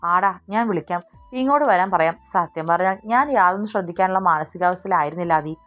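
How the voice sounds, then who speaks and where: A woman's voice: on the low side, quick pace, fairly bright tone, soft background music, natural voice. Anxious, loyal young man voiced by a woman narrator; earnest and urgent, storybook reading.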